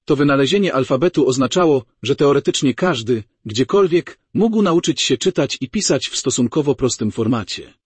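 Male university lecturer, husky tone, dry close recording, explaining step by step. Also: mid-range voice, expressive, normal speed, hardly any pauses, no room sound. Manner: explanatory, drawing on a board as he talks. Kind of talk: classroom lecture on ancient writing.

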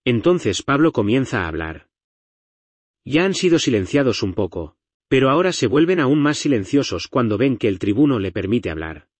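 This Bible lecture comes from a man in the United States with a husky, lively, up-and-down voice, speaking at a moderate pace. He explains things casually and keeps slipping in asides. There's no room echo; the sound is close and dry.

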